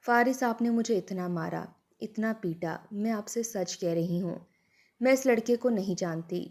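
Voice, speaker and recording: A woman's voice: mid-range voice, darkish tone, close to an everyday voice. A woman voicing a pleading, desperate young wife.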